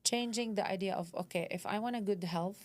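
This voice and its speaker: A woman's voice: medium pitch, a little fast, a little mellow. A middle-aged woman from Dubai, a podcast guest in casual interview chat, who halts and restarts her sentences often and is not an English speaker. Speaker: podcast guest, concierge healthcare founder.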